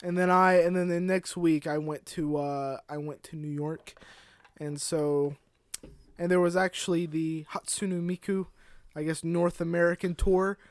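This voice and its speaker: A young man hosting a podcast, chatting casually in a rambling, joking way and sometimes getting loud. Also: on the high side, fairly even intonation, a little slow, clean tone, no room sound. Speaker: podcast host. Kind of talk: casual chat.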